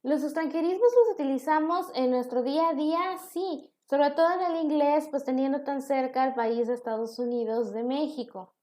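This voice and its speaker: A woman gives a recorded online lecture, high in pitch and mellow in tone. She asks her students questions and answers them herself. Her voice carries a noticeable room echo from the computer microphone. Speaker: teacher.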